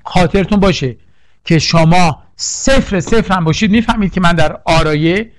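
Guy teaching poetry for an exam, repeats everything, asks the class stuff, kinda high voice. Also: slight background noise. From Iran. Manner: drilling, repeats lists and asks the class questions. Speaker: literature teacher. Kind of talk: exam-prep poetry lesson.

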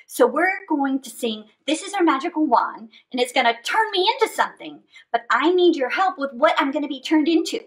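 A middle-aged woman hosts a children's story time, reading a picture book aloud and chatting with the kids in an animated, theatrical way, full of dramatic gasps and stretched-out words. Her voice sits high and she moves briskly with hardly any pauses. The rough recording was made in a small indoor space with a draped fabric backdrop.

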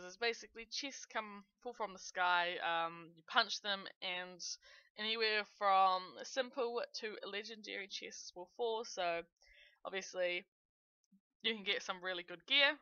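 A woman's voice: medium pitch, pushed and bright, clear, resonant tone, no room sound, muffled recording. A woman giving chatty let's play commentary on her gameplay, giggling often and narrating each click. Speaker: gaming channel host.

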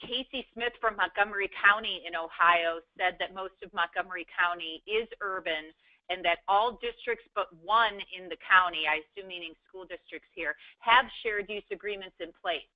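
A woman's voice: medium pitch, moderate pace, dry recording. A woman hosting a webinar Q&A, chatty and conversational, with frequent ums. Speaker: webinar moderator. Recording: dull, muffled web call audio.

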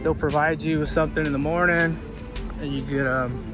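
A middle-aged man narrating a casual travel vlog as he walks outdoors, talking in a relaxed, rambling way with lots of fillers and restarts, holding the camera at arm's length. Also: fairly high pitch, a little fast, music in the background. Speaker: travel vlogger. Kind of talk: casual walking tour narration. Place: outdoors by the sea, streets and hotel balcony. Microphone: handheld camera at arm's length.

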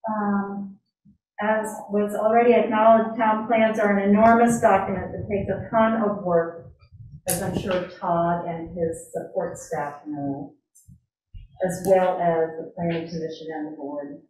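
A woman delivers prepared remarks as public comment at a town meeting, hesitating now and then, from a floor mic in a large, echoey room that makes her sound far off. Her mid-range voice is steady, unhurried, and a little mellow, with slight background noise.

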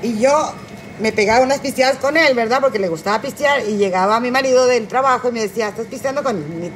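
A middle-aged woman with a Mexican Spanish accent chats on a phone livestream while she cooks in her kitchen, tipsy and high. She rambles through crude, joking stories in a voice pitched a little high. There is a faint hiss behind her. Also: fast talker. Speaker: cooking livestream host. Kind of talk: casual livestream chat while cooking.

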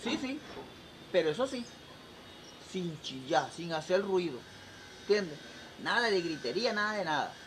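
A man's voice: high voice, sing-song, measured pace, long pauses, a bit bright, full character voice. Man doing a smug, insistent hammock man. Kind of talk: joke telling. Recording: noisy background.

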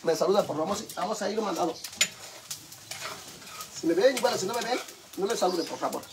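Man, Mexican accent, live cooking chat, campy and crude, high-pitched, light background hiss. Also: lively intonation, quick pace, vocal fry. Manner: campy, teasing, foul-mouthed banter with viewers. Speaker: livestream cooking host. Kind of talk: casual cooking livestream chat.

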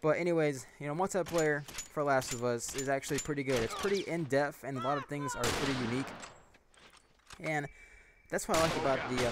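A young man rambling casually over his gameplay as a gaming YouTuber, self-deprecating and excitable. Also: medium pitch. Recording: noisy with game gunfire. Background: game gunshots and clicks.

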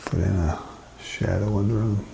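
An older man, a gentle painting instructor, talking in a low-key, musing way as he demonstrates watercolour step by step. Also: fairly even intonation, normal speed, vocal fry, a little hiss or hum, low-quality recording. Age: 60s or older. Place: indoors at a painting easel.

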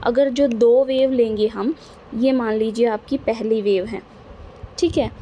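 Mellow-voiced woman teaching physics. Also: fairly high pitch, steady tone, measured pace, lo-fi sound, slight background noise. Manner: repetitive, patient, checks understanding often. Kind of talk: classroom lecture explaining to students.

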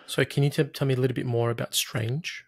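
Reassuring male therapist, mid-pitched and dry. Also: little pitch movement, quick pace, gravelly, slightly rough, no room sound. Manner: reassuring, encouraging, patient. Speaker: hypnotherapist, coach. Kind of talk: guided therapy session, coaching questions. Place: small room, video call.

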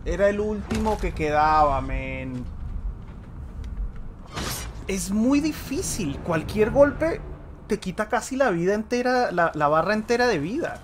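A man with a Colombian accent doing let's play commentary, excitable and switching between Spanish and English, yelling at the game. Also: sits high, measured pace, long pauses, background noise. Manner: yells at the game. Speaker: gamer.

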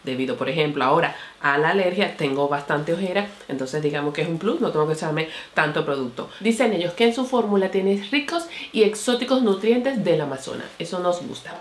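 Chatty woman beauty vlogger, echoey room. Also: on the low side. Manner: chatty, addresses viewers as señores and mi amor. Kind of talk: casual makeup review to camera.

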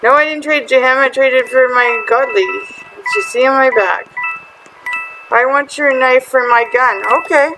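High-voiced chatty woman gaming host. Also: unhurried, over music, rough recording. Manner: chatty, excitable, exasperated with other players. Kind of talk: casual gameplay commentary.

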